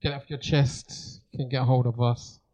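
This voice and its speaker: A man's voice: medium pitch, flat delivery, brisk, mellow. A man co-hosting a podcast, signing off in a casual way. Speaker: podcast co-host. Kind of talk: casual sign-off. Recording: dull lo-fi sound.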